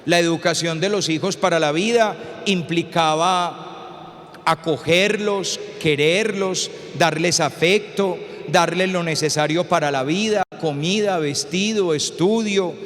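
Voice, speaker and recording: High-voiced, slow-talking priest. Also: male voice, fairly bright tone. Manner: storytelling, acts out scenes, rhetorical questions. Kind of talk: humorous public lecture. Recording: reverberant lecture hall.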